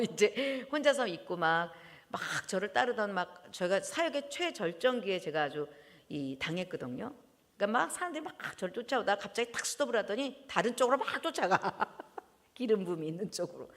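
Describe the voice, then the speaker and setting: Woman preacher, sermon, animated, frequent laughter, loud bursts, widely swinging pitch, reverberant church hall. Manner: animated, laughing often, breaking into loud exclamations.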